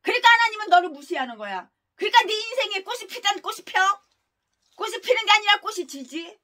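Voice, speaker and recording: A woman pastor delivers an expository sermon in a harsh, scolding manner, firing off rhetorical questions and crude insults. Her very high-pitched voice sounds pushed and bright.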